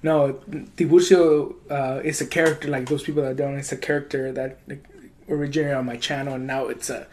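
A man's voice: mid-range voice, little pitch movement, fairly quick, darkish tone, slight background noise. A young man who grew up in Mexico, chatting casually on a podcast, laid-back with lots of slang and swearing. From Mexico (Durango). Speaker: comedian and video creator, podcast host.

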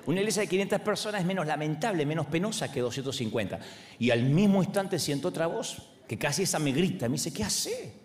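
A man's voice: fairly high pitch, fast talker. A man in his forties with an Argentine accent, a pastor preaching a humorous sermon and acting out the voices in his stories. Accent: Argentine Spanish. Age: 40s. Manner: animated, acts out other voices, laughs along.

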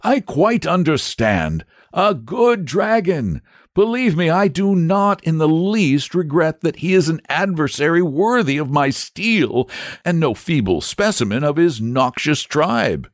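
A man's voice: a little high, sing-song, unhurried, dry recording, voice pushed up. A kindly but pompous knight declaims with grand courtesy, his voice lifted and full of swing. A man puts the voice on for a storybook. The sound is close and dry.

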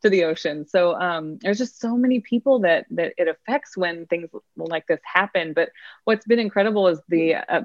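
A woman's voice: on the low side, moderate pace, no echo. Texas-accented woman, muffled dry call. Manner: warm, proud, repeats words when starting sentences. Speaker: baseball field reporter. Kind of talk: podcast interview, casual storytelling.

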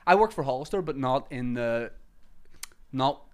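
A man's voice: medium pitch, lively intonation, moderate pace, crowd noise. A man with a Northern Irish accent hosting a casual comic chat in a jokey, self-mocking way. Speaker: podcast host.

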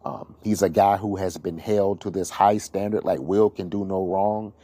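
A man with a low, mellow voice gives casual solo commentary on celebrity gossip. He is opinionated and rambles, circling back with fillers and restarts. The sound is dry and close, with no room around it. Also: fairly even intonation, moderate pace, no room sound. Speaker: gossip podcast host.

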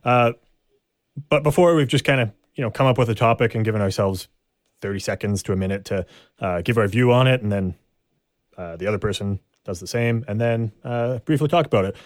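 A man with a lowish voice hosts a sports podcast in a casual, chatty style. The sound is close and dry, with little room in it. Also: brisk, no room sound. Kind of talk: casual chat.

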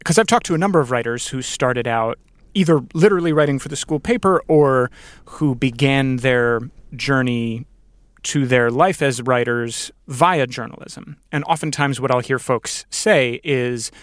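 Hosting a podcast interview, this man talks thoughtfully and conversationally, choosing his words in a wordy, careful, articulate manner. The studio-quality recording is dry, and his voice sits at a medium pitch.

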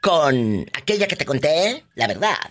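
A woman's voice: sits low, sing-song, a little slow. A woman hosting a call-in radio show, playful and dramatic, full of catchphrases. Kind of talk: lively call-in radio chat.

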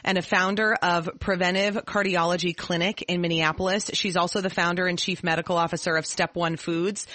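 Chatty woman podcast host, bright forceful voice, really dry clean sound. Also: lowish voice, no room sound. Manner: chatty, emphatic. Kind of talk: casual podcast chat, introducing a guest.

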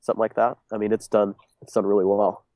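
Sick and congested, a young business owner talks as an interview guest in a lowish, dark, level voice at a quick pace, recorded without echo. His casual speech rambles, packed with fillers and restarts.

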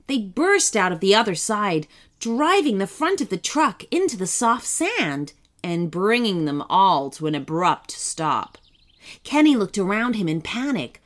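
A woman narrating a children's story in an expressive, animated storybook reading. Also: medium pitch.

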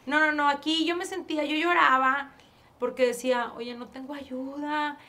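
Speaking in a high voice at a moderate pace, a woman from northern Mexico with a northern Mexican accent tells her story as an interview guest. She is casual and animated, acting out past conversations and often restarting her sentences.

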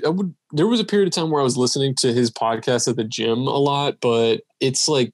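A man's voice: medium pitch, no room sound, clean studio sound. A man in his twenties co-hosting a casual podcast chat, rambling with many restarts and fillers. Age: 20s. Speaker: podcast co-host.

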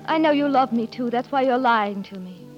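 An actress in a 1940s radio drama playing a torn but resolute young woman whose father was a spy, speaking in an earnest, hushed way. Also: fairly high pitch, lively intonation, moderate pace, close to an everyday voice. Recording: dull old radio broadcast with music behind.

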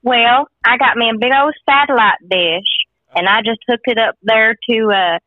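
A woman voicing a cheeky backwoods Kentucky hillbilly caller with missing front teeth and a folksy, deadpan delivery. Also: fairly high pitch, normal speed, dry recording, close to an everyday voice. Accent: Kentucky Appalachian. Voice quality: gap-toothed speech from missing front teeth. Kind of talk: comic in-character phone call. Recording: dull lo-fi call audio.

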